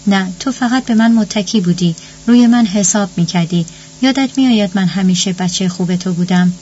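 A hurt grown daughter pleads and reproaches, as a woman narrator reads her part. It is an audiobook reading at an average pitch. The sound is slightly dull, with a faint hum underneath. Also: dark tone, lightly acted. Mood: pleading. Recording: muffled recording with faint hum.

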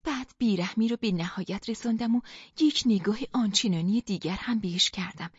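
A woman reading a first-person literary story aloud in a measured, wry storytelling manner. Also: medium pitch, breathy edge, dry recording. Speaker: narrator. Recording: dull lo-fi recording.

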